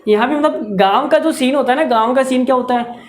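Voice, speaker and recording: A man's voice: very high voice, fast talker. A man teaching a maths problem, who explains it through jokes and directly addresses his students. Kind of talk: comic storytelling lesson.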